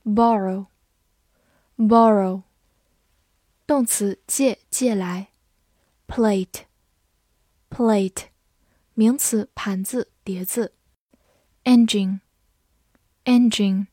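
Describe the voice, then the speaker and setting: A woman with a mid-range, dark voice teaches English vocabulary in a dry, clean studio recording. She goes word by word, saying each one twice, then giving its parts of speech and meanings.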